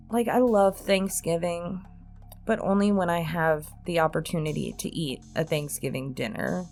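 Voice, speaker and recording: In a fairly low, darkish voice at a measured pace, an online creator chats through a casual question-and-answer session with her subscribers. She's candid and self-deprecating and swears freely, with faint music in the background.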